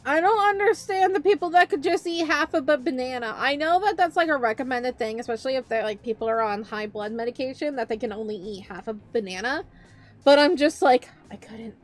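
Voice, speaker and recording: A young woman streaming as a VTuber, rambling playfully and chasing excited little tangents in casual chat. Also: sits high, fairly quick.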